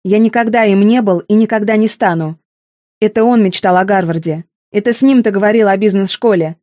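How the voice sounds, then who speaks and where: A woman's voice: medium pitch, brisk, no room sound, clean studio sound, close to an everyday voice. A woman voicing a cold, tired and bitter young man in an audiobook. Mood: hoarse quiet. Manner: icy, tired, quietly bitter.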